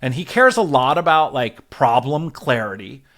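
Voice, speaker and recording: As an interview guest, a man who leads product and growth talks through work ideas in a conversational way, often adding "right?". He has a medium, fairly bright voice with a sing-song lilt and a moderate pace.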